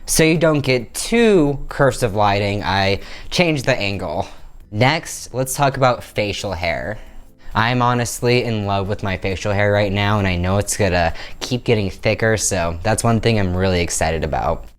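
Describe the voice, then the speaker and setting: Wearing a clip-on mic in a small bedroom, a young man in his twenties chats candidly for his casual vlog. His voice is fairly low at a normal speed, and his delivery is upbeat with lively hand gestures.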